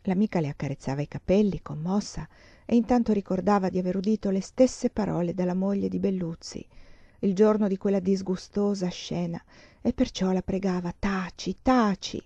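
Woman narrator for a novel, measured and expressive, mellow tone, dry slightly dull recording. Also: mid-range voice, gravelly, no echo. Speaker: audiobook reader. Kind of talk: novel read aloud.

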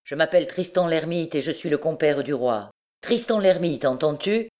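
A woman reading an audiobook, voicing a sinister male provost who interrogates gruffly. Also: sits low, lively intonation, normal speed, darkish tone. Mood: menacing.

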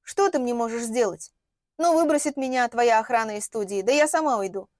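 A woman's voice: on the high side, brisk, a little mellow, no echo, studio quality, lightly acted. A woman reading an audiobook, voicing a bold, sarcastic young heroine who confronts and mocks. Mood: scornful. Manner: mocking, confrontational.

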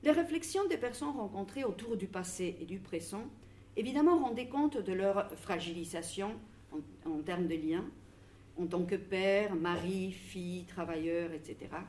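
A woman's voice: mid-range voice, expressive, a little mellow, a little hiss or hum. Argentine woman reading a conference talk. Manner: measured, reads from notes with small restarts. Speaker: researcher presenting at a public debate.

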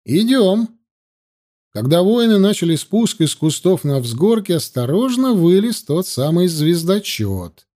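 A man reading a story aloud as an audiobook narrator, with expressive storytelling. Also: high voice, a little slow. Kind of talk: scripted narration.

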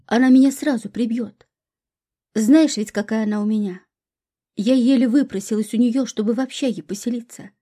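A woman's voice: fairly high pitch, moderate pace, warm tone, natural voice. Woman reading a flighty young student, pleading. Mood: coaxing. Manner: pleading, playful, coaxing.

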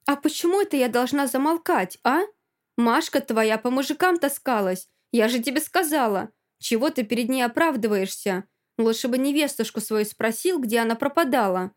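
A woman's voice: fairly high pitch, lively intonation, normal speed, natural voice. A woman voicing a treacherous young female friend who screeches in brazen spite.

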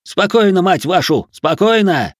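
A man's voice: on the high side, fairly even intonation, normal speed, creaky, no echo, studio quality, voice pushed up. A man voicing an exhausted young militiaman who argues and barks orders in an audiobook. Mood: stubborn shouting. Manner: shouting, curt, commanding.

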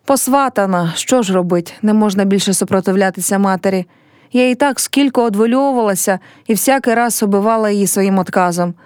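A woman's voice: mid-range voice, a little fast, darkish tone, clear, resonant tone, no room sound, studio quality, close to an everyday voice. A woman reading a play aloud and voicing a young village girl who is heartbroken and proud, speaking in a pleading, reproachful way. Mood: sorrowful.

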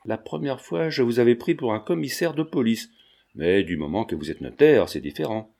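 Cheeky loud male painter, read by a man, slangy teasing banter, lively swings in pitch. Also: moderate pace, vocal fry. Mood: gleeful.

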